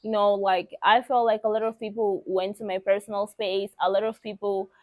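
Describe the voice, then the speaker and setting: A young adult woman from Mozambique, a vlogger whose native language is Portuguese, speaks with a Mozambican accent as she casually tells viewers personal stories. Her mid-range voice is brisk and level, candid and emphatic, in a dry recording.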